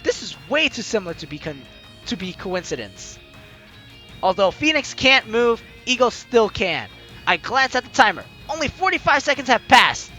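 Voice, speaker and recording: With a strikingly high, bright voice, a male let's play host reads a visual novel aloud at a moderate pace. His sing-song delivery is theatrical and dramatic, with game music playing behind him.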